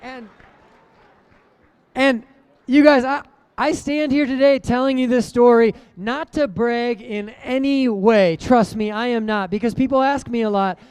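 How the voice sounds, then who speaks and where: A young man with a very high, smooth voice gives a motivational keynote. He tells his story in a lively way and throws questions at the audience. The sound is dry and close. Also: measured pace, no echo, a faint crowd. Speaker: keynote speaker.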